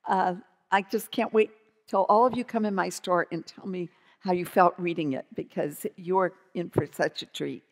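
A woman's voice: on the low side, steady tone, normal speed. A woman hosting an on-stage author interview, praising the book and asking direct questions. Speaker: interviewer and bookstore owner.

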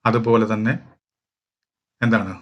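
A man from Kerala, walking through exam questions as a teacher, reading each question slowly and explaining at length with fillers. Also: on the low side, steady tone, highs cut off. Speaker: English teacher for exam prep. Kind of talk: exam question walkthrough lesson.

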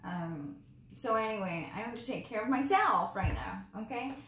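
A woman's voice: a little high, lively intonation, moderate pace, a bit bright. A woman chatting casually in a cooking vlog in her home kitchen, rambling through asides and talking carefully because of mouth pain. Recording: echoey kitchen with background noise.

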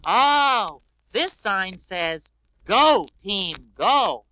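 A man voicing a big, sweet, childlike yellow bird on a read-along record, innocent and wondering aloud. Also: high-pitched, very animated, extremely slow, dry recording, exaggerated voice. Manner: innocent, wondering, talks to himself.

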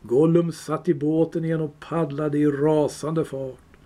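A man reading a fantasy novel aloud in a calm, measured storytelling voice. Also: fairly high pitch. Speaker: reader. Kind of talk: audiobook reading.

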